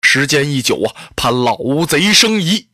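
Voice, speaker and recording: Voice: medium pitch, sing-song, unhurried, sharp tone, dry recording, clean studio sound, pitched below the performer's own voice, exaggerated voice. A storyteller voicing an anxious, lovesick young warrior who speaks in earnest exclamations, in traditional Chinese storytelling.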